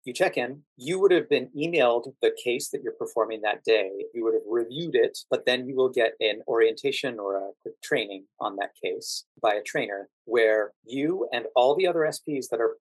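As a guest on a podcast, this middle-aged actor and standardized patient from the United States chats casually, mixing explanations with anecdotes. He has a medium-pitched voice, and the recording is low-quality but has no echo.

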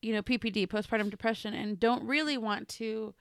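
Lively woman podcaster, high bright voice, dry close mic, acts out the quotes. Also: a little fast, clean tone, no echo. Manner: animated storytelling, acts out quotes. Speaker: podcast co-host. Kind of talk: casual chat.

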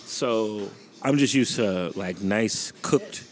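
A man's voice: on the low side, slow, slight background noise. Opinionated young man from Chicago. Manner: relaxed, opinionated, says "like" a lot. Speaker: host. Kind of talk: casual chat.

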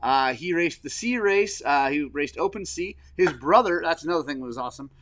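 Casual podcast host, middle-aged man, somewhat high voice, excitable and swinging between loud and soft. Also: brisk. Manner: excitable storyteller, swings from loud enthusiasm to choked-up softness. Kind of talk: casual chat.

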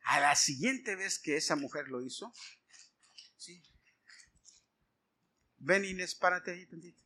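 A man's voice: sits high, a little slow, breathy edge. A middle-aged man, preaching a sermon as he tells a personal story and acts out the dialogue. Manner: animated storytelling, acting out dialogue.

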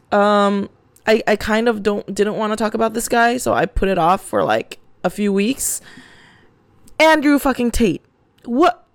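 A woman's voice: medium pitch, no room sound. A young woman hosting a podcast, ranting in a casual, exasperated way, swearing and restarting her sentences. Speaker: podcast host.

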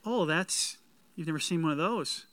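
A flustered modern homeowner, played by a man proudly explains things. The voice is high and crisp, halting and eager, in a sermon skit. It is recorded dry. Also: fairly bright tone, no echo, natural voice. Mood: boastful.

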